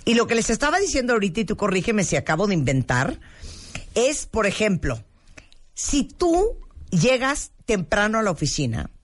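A woman hosting a radio show in a studio, talking quickly and chattily and often cutting in. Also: medium pitch, sing-song. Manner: fast-talking, chatty, interrupting. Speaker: radio host. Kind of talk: casual radio chat.

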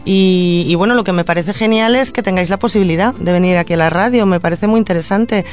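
A woman's voice: fairly low pitch, fast talker, darkish tone. Earnest woman from Madrid, reflective. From Madrid, Spain. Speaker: guest, social educator and puppeteer. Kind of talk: radio interview, answering questions. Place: radio studio.

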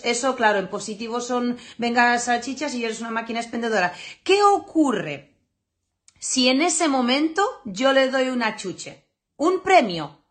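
A fairly high-voiced woman leads a dog training class. She talks in an animated, blunt way, swears freely and acts out the scenes she describes. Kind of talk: lively spoken lesson.

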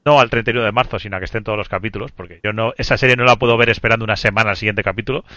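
Bright, stammering man hosting a chat. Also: fairly low pitch, racing, dry recording, dull audio. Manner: animated, stammering, repeats words. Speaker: podcast host. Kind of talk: casual chat.

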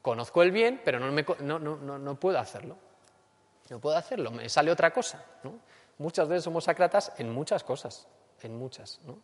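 Lively Spanish-accented lecturer in a reverberant hall. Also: male voice, a little high, a little fast. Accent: Spain Spanish. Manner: lively, acts out everyday complaints. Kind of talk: lecture on character education.

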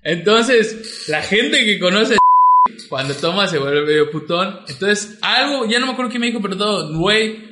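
A young Mexican man with a high, bright, sharp-edged voice tells crude, slang-filled stories on a podcast, a little tipsy. His voice bounces off the walls of an echoey room. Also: expressive, normal speed, slight background noise. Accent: Mexican Spanish. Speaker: podcast co-host. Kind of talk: casual storytelling chat.

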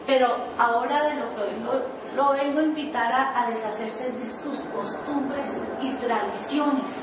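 Woman pastor, high voice, storytelling sermon, distant mic, very echoey hall. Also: steady tone, unhurried, noisy background. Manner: storytelling preacher, mimics her own pleading in a sing-song whine. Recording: echoey room, voice from far off.

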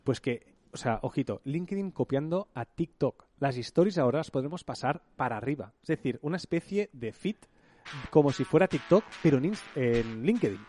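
A podcast co-host talks through tech news at length in a loose, chatty way. His voice is mellow and medium in pitch, with lively intonation and a normal pace.

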